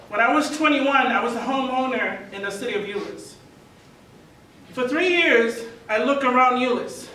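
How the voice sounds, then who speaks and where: A man delivers a candidate forum speech, asking one rhetorical question after another. His voice sits very high and sounds forceful. It rings through a large echoey hall, picked up from a distance. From Tonga. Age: 50s. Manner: earnest, repetitive rhetorical questions. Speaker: mayoral candidate. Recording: echoey hall from far off, faint noise.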